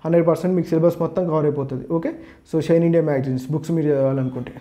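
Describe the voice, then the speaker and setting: An exam prep teacher from Telangana speaks quickly in a higher voice with a steady, dark tone, blending Telugu with English words and phrases. He gives an informal walkthrough of the exam syllabus in an explanatory way, repeatedly using "okay, so" to link his points.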